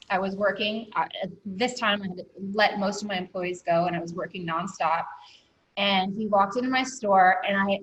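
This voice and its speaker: A woman's voice: medium pitch, a bit bright, slight background noise, low-quality recording. A woman guest on an interview podcast, telling her story candidly with many ums and a catch of emotion in her voice. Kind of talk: reflective personal storytelling.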